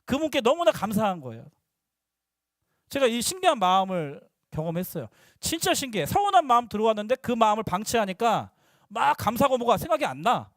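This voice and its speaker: A young male youth pastor preaching to middle schoolers, lively and teasing, slipping into casual talk with the teens. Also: sits high, brisk, no room sound, studio quality.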